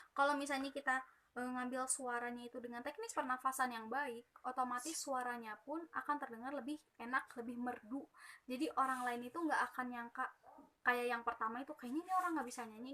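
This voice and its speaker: A woman's voice: high-pitched, sharp tone. A young woman giving casual, chatty tips on singing technique, with plenty of fillers. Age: young adult. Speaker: student presenter.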